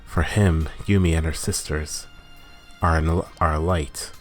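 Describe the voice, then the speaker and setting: Soft music from the game plays as its host, whose voice is extremely deep, reads the story text aloud evenly and deliberately. Small slips crop up now and then, and he corrects them as he goes.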